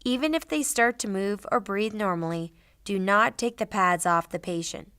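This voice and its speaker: A middle-aged woman narrating a scripted training demonstration in a clearly enunciated, instructional manner. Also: mid-range voice, moderate pace, fairly bright tone, no echo, clean studio sound. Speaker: instructor, presenter.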